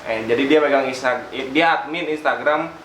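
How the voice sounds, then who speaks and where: A man's voice: mid-range voice, normal speed. A man with a Jakarta-area Indonesian accent hosts a casual chat interview, bantering in slang and echoing his guest's answers. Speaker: host. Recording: echoey room with clear background noise.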